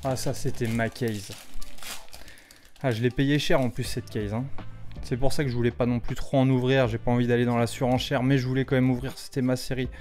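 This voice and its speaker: A man in his thirties opening trading cards on his channel, chatting casually and exclaiming loudly over his pulls. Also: medium pitch, level tone, fairly quick, faint music behind. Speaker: card-opening YouTuber. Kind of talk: casual vlog commentary.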